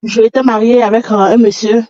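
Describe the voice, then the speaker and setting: A breathless, agitated woman, pouring out her story to a call-in host with a fairly high voice. The audio is dull and dry, like a lo-fi call recording. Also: fairly even intonation, fairly quick, warm tone, no room sound. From Africa. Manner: agitated, repeats herself. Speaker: caller. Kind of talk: telling a personal story on a call.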